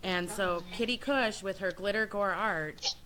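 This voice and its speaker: A woman hosting a radio show, chatting casually and admiringly in a loose, unscripted way as she gives shout-outs. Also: medium pitch, measured pace, crowd noise.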